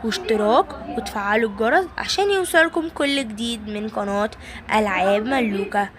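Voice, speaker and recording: A woman's voice: on the high side, brisk, crowd noise. A woman hosting a children's toy channel, soothing and talking straight to her young viewers. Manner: soothing, addresses viewers directly. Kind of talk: toy play narration to children.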